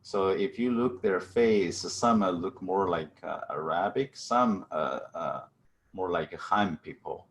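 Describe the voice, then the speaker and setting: A low-pitched, middle-aged man from China gives a seminar talk as a guest speaker over a video call. His Chinese-accented delivery is halting, full of fillers and restarts.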